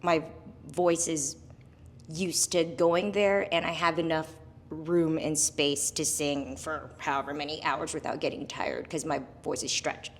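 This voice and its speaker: Upbeat woman singer, lowish voice. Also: measured pace, slight background noise. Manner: upbeat, animated, laughs often. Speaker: guest, professional singer. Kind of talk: casual interview chat.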